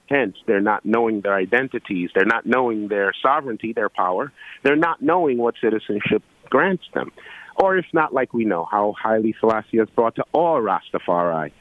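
An earnest man from Guyana calls in to a talk show, speaking in halting bursts full of "uh" and "you know." His voice sits at an ordinary middle pitch. The line is dry and close, with no room sound. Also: a bit bright, no echo, rough recording. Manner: earnest, halting with many fillers. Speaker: caller. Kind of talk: call-in radio talk.

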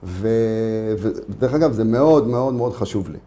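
This interview guest is a middle-aged Israeli startup founder, originally from Latvia, who moved to Israel at age four. In a casual conversation he tells his story with an Israeli accent, speaking informally and repeating himself, his voice lowish and dark in tone.

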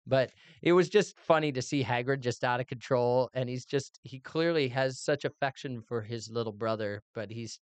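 A man's voice: mid-range voice, normal speed, few pauses, no room sound. A man hosting a casual family book discussion, playful and musing as he talks. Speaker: podcast host and father.

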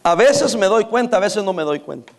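A man's voice: high-pitched, animated, brisk. A man in his fifties preaching a sermon, teasing his congregation with jokes and dramatic stories. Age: 50s. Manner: joking, teasing storyteller.

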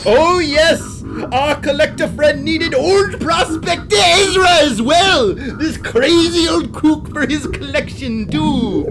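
A man's voice: very high voice, very animated, slow pace, music in the background, full character voice, low-quality recording. An actor playing a slick, gleefully sinister traveling salesman in an audio western, with pompous, showy patter. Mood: manic glee. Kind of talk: audio western comedy drama acting.

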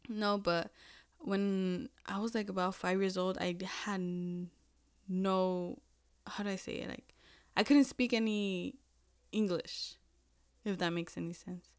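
Chatty young woman with a smooth voice. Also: medium pitch, fairly even intonation, measured pace, dry recording, clean studio sound. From United States. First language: Spanish. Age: 20s. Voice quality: chatty and self-deprecating, heavy use of "like" and "um". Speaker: podcast host. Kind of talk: casual solo podcast chat.

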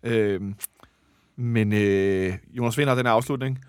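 A man's voice: mid-range voice, a little mellow, smooth, no echo, studio quality. A man hosting a casual fan chat about a football match, rambling and correcting himself as he goes. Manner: chatty, rambling, self-correcting. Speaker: football podcast host.

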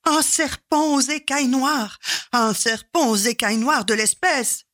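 A woman storyteller telling a folk tale expressively, with dramatic pauses and repeated refrains. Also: high voice, fairly bright tone, no echo, clean studio sound.

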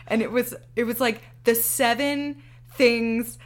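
A woman's voice: fairly high pitch, steady tone, takes it slowly. A young adult woman co-hosting a podcast in casual chat, rambling and giggling as she talks. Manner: giggly, rambling, self-deprecating. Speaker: podcast co-host.

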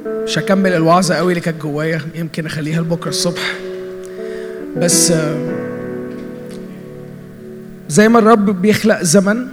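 A man's voice: on the high side, a little fast, pauses often. A young man with an Egyptian Arabic accent preaching a sermon, playfully teasing the congregation and mixing in English words. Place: large church hall. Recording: hall with long reverb and faint music.

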